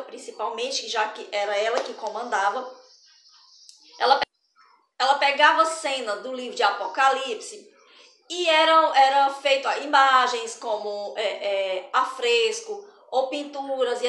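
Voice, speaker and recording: A woman's voice: high voice, a bit bright. A woman teaching an arts lesson in a chatty, explanatory way, with many hesitations and restarts. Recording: roomy echo.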